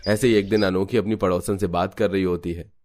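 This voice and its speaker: A male narrator telling an animated family story in a steady, scripted way. His voice sits low for a man, and a faint noise runs under it. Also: a little fast.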